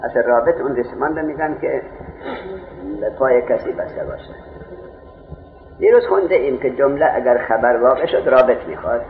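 A man teaching a grammar class, explaining with everyday market examples and answering his own questions. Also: mid-range voice. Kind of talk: classroom lecture on Arabic grammar. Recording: tinny phone-like lo-fi recording, faint hiss.

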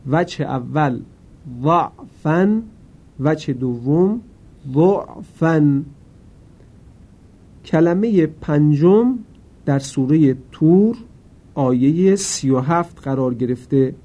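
A man gives a Quran reading lesson. His voice is mellow and sits a bit high, and he explains slowly and carefully. Now and then he chants a single word, drawn out and louder. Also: dull audio. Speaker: Quran recitation teacher.

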